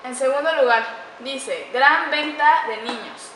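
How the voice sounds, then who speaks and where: A student presenter with a bright, high voice explains grammar in a class presentation, recorded in an echoey room with faint background noise. She speaks carefully and slows down to spell out example sentences.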